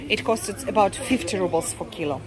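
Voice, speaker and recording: A Russian woman with a Russian accent and a medium-pitched voice vlogs casually while walking through a grocery store. She talks unhurriedly and haltingly, often saying "uh" and restarting, and store noise is clearly audible in the background.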